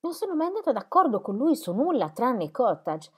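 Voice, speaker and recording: A woman's voice: on the high side, sing-song, a little fast, breathy edge, pitched above the performer's own voice. A woman reading aloud and voicing Dorothea, an earnest young woman who speaks with vehement, wounded indignation. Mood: indignant.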